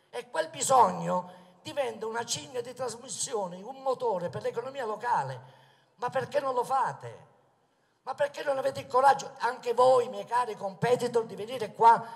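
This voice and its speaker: A political candidate giving a booming, emphatic campaign speech full of rhetorical questions from an outdoor stage. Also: vocal fry. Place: outdoor stage in a town square. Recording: echoey public square with long reverb.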